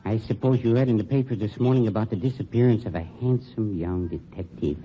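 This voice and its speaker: Heard through the muffled, faintly hissing audio of a 1940s radio broadcast, a man speaks quickly in a natural voice of fairly low pitch. He's acting the part of a funeral home owner, a suave and menacing undertaker whose politeness is cold and whose lines are drawn out.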